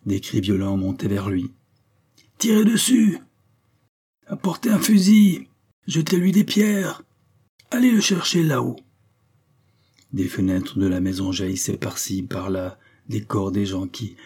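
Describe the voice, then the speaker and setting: A man reading a literary audiobook with measured, grave storytelling. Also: lowish voice, vocal fry, mellow, breathy edge. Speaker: audiobook narrator.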